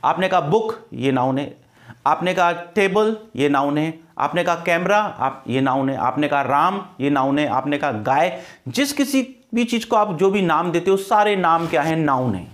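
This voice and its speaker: A man's voice: on the high side, lively intonation, normal speed. A man teaching English grammar for exam prep, mixing Hindi and English, with an Indian accent. He asks his class questions and answers them himself, and he drills pronunciation.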